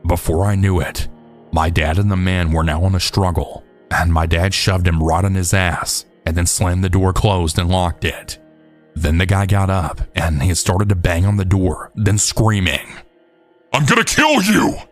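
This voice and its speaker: A man narrating true scary stories in a steady, measured storytelling voice. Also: deep voice. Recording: faint background music.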